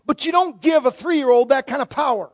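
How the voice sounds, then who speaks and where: High-voiced middle-aged man preaching. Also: a little fast, no room sound. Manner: conversational preaching with joking asides. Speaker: pastor. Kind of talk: sermon. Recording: dull, dry lo-fi recording.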